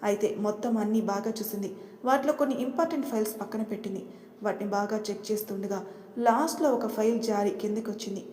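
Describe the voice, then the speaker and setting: A woman narrating a love story in a steady, matter-of-fact reading. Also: medium pitch, fast talker. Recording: roomy with long reverb.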